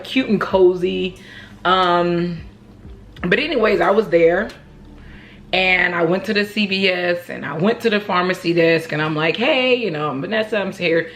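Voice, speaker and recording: Low-pitched American woman telling a rambling story. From Oakland, California, United States. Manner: rambling, conversational, acts out reported dialogue. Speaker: vlogger telling a personal story. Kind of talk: casual storytime chat to camera.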